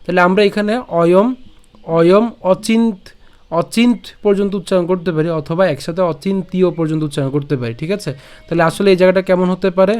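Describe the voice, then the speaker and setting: Man, recitation teacher, slow syllable-by-syllable drilling, patient, smooth resonant voice, fairly high pitch. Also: steady tone, darkish tone. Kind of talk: online recitation lesson.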